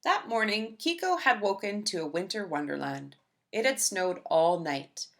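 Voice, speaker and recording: In a mid-range voice at a moderate pace, a woman gives an expressive storytelling reading of a children's picture book.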